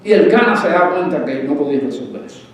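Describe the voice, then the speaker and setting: A male pastor delivering a sermon, asking the congregation questions and swinging between loud passages and hushed ones. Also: on the high side, animated, quick pace. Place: church sanctuary. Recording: echoey room, voice from a distance.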